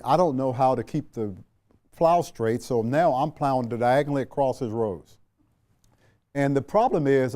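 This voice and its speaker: An older man from Washington, D.C., recalling his life in a relaxed, mellow voice. He speaks in a measured, unhurried way, circling back and restarting his sentences. His pitch sits in an ordinary middle range for a man. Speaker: interview guest, retired general. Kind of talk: reflective storytelling in a sit-down interview.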